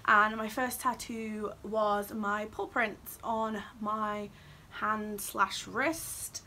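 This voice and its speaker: Raspy young woman, croaky after flu. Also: mid-range voice, fairly even intonation, extremely slow, sharp tone, slight background noise. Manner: chatty, apologetic, rambling. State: recovering from flu. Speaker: YouTuber. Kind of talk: casual Q&A vlog. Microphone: phone.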